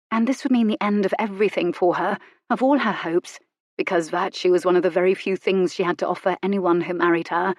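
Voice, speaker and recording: Female audiobook narrator, intimate measured reading, lowish pitch, dry studio sound. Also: no echo. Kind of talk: scripted romance narration.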